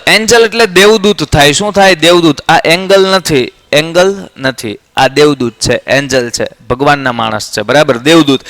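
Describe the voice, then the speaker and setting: High-voiced Gujarati man drilling vocabulary. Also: a bit bright, no room sound. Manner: drills words slowly, asks students to repeat. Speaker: English tutor. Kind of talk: vocabulary lesson for exam prep.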